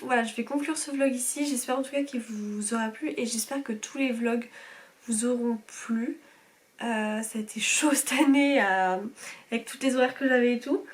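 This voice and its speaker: A woman in her twenties from France, tired, chatting casually in a home vlog with lots of fillers and restarts. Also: fairly high pitch. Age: 20s. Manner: rambling, many fillers and restarts. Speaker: vlogger.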